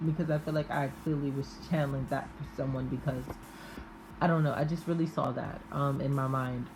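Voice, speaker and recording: A woman giving an improvised, intimate tarot reading in a halting, musing manner with drawn-out pauses. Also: extremely low pitch, steady tone, over music, poor audio. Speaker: tarot reader.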